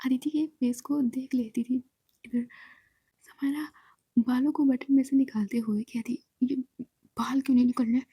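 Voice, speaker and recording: Woman storyteller, whispered role-play, high pitch with a warm mellow tone. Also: no room sound, clean studio sound. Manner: soft, steady whispered narration.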